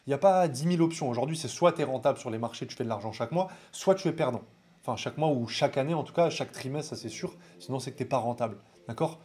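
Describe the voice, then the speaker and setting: A man with a French accent coaching viewers on trading, talking casually and directly to the camera with animated, familiar asides. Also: mid-range voice, fast.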